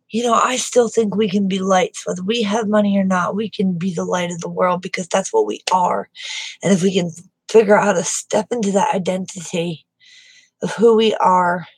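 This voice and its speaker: A woman talking casually to camera, out of breath, halting with many fillers and restarts. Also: on the low side, no echo, low-quality recording. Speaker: vlogger.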